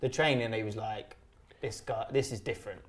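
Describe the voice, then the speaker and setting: A man's voice: on the low side, steady tone, a little fast. A man hosting a podcast, chatting casually and asking rambling questions. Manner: friendly, asks rambling questions. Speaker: podcast host. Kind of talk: casual interview chat.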